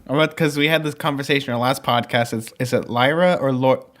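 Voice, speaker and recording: A man's voice: mid-range voice, a little fast, a bit bright. A man co-hosting a podcast in casual chat, with a playful, reactive way of talking. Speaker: podcast co-host.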